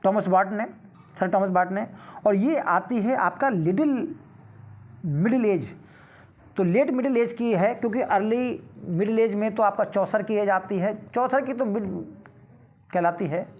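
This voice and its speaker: Indian lady teacher, slow and steady, reads a question then explains it. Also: mid-range voice. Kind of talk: exam-prep lecture.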